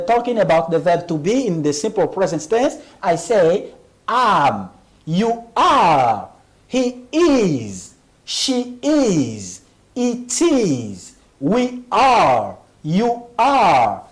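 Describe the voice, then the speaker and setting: This is a TV language lesson: a lively-pitched woman teaches English, explaining in French. She asks "Ok?" and repeats the English examples slowly.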